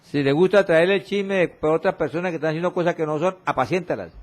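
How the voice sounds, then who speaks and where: Man, preacher, sermon, slightly high voice, repeated exhorting refrains, soft low emphasis. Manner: reads scripture slowly, then drops to soft low emphasis. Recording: radio broadcast of a church sermon.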